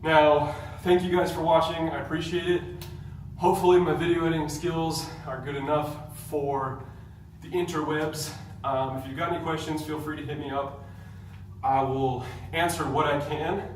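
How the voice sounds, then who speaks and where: A man's voice: fairly high pitch, little pitch movement, moderate pace, a little hiss or hum. A male fitness instructor teaching a workout tutorial, cueing steps in short commands and sometimes out of breath. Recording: very echoey room, mic far off.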